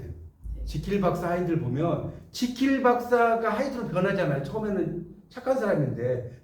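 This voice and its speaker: A man's voice: sits high, darkish tone, recorded from a distance. Man lecturing in an echoey room. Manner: explanatory, asks students rhetorical questions. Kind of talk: recorded lecture on Korean spelling.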